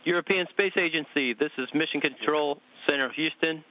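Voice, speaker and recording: A man's voice: a little high, a little fast. A man at mission control making formal radio calls to the space station, heard over a communication link. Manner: formal radio call-out procedure. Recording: muffled dry radio loop.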